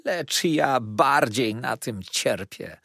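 Guy doing a weepy old widow, whiny and sobbing, husky, dry close sound. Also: medium pitch, animated, very slow, fairly bright tone, dry recording, exaggerated voice. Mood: plaintive. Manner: sobbing, plaintive complaining. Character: whiny self-pitying widow, older woman.

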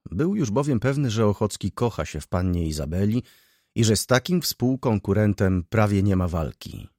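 A man narrating an audiobook chapter with an expressive, measured reading. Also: lowish voice, no echo, clean studio sound. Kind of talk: scripted narration.

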